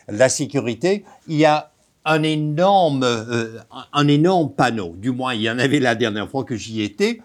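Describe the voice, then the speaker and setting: Slow, deliberate male professor from Texas. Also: mid-range voice. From Texas, United States. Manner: deliberate, lecturing, with fillers and restarts. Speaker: professor, guest. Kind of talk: radio interview.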